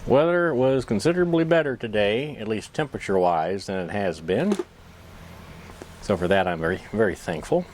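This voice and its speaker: A man's voice: lowish voice, expressive, normal speed, a little mellow, slight background noise. A man chatting casually to camera in a folksy, rambling, self-deprecating way, as if with a pipe in his mouth. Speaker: pipe-smoking YouTube vlogger.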